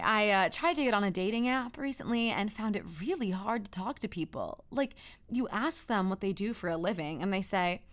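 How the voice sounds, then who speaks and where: A woman plays a female radio host broadcasting after the end of the world in a comedy audio drama. Her voice is clear and mid-pitched. She chats along with wry, self-deprecating humor and an awkward brightness of manner. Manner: wry, awkwardly upbeat, rambling. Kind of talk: scripted comedic radio monologue, chatty.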